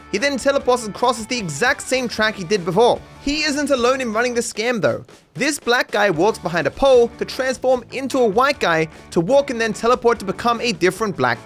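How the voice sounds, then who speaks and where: Music sits under a man's very high-pitched, slightly bright voice as he reads a comedy script over video game footage. He pitches it dry and sarcastic, with a mock-serious edge.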